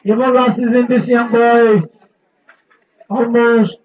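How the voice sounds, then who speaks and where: A man with a Nigerian accent giving live commentary at a youth football match, announcing slowly and deliberately. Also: very high-pitched, little pitch movement, far from the mic, low-quality recording.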